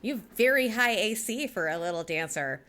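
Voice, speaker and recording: A woman's voice: mid-range voice, lively intonation, a little fast, sharp tone. A woman game master narrating and improvising a tabletop role-playing game. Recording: faint background noise.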